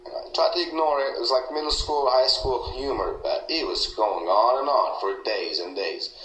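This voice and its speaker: A man in a recorded interview, telling an aggrieved story haltingly, with many restarts. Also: mid-range voice, a bit bright. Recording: echoey room with faint noise.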